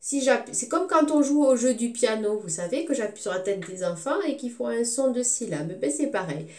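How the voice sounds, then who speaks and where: A woman teaching a recorded phonics lesson to young children, sounding out syllables slowly and clearly. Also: a little high, expressive, dark tone, echoey room. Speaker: kindergarten teacher.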